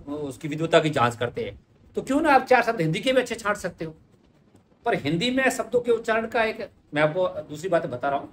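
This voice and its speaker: A man with a high voice teaches spelling to his students and repeats each word as he writes it. The room rings with echo and a faint hum sits underneath. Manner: conversational, repeats words while writing. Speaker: Hindi teacher. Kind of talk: spelling lesson at a board. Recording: echoey room with faint ambient noise.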